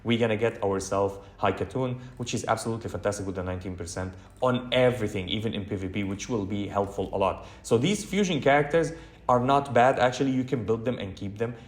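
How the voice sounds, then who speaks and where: A man's voice: fairly low pitch, fast talker. Chatty man with a roomy echo. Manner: chatty, many fillers and self-corrections. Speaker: gaming channel host. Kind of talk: casual game walkthrough voice-over.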